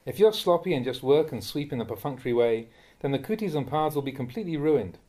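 A man, a monk, reading a Dhamma talk aloud in a measured, admonishing way that rises sharply when he scolds. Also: medium pitch, animated, warm tone. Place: monastery.

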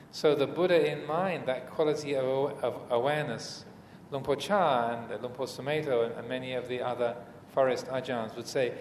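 A male Buddhist monk teacher gives a contemplative dharma talk in a big, reverberant space where some noise lingers behind him. With a mid-range voice, he offers short, measured phrases broken by frequent pauses, and the hall's echo follows what he says.

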